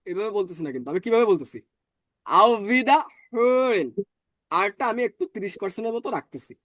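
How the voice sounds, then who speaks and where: A man teaching German in an online class, explaining patiently and slowly repeating words. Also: high-pitched, lively intonation, dry recording, studio quality.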